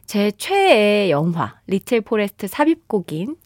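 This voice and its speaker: A woman radio DJ chatting and reading listener messages, animated and laughing often, on a close studio mic. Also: medium pitch, a little slow, no room sound.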